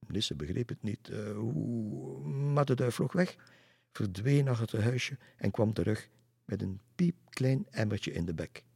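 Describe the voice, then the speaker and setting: Slow, deep-voiced storyteller man. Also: gravelly, darkish tone, slightly rough, no echo, clean studio sound. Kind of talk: reading a children's story aloud.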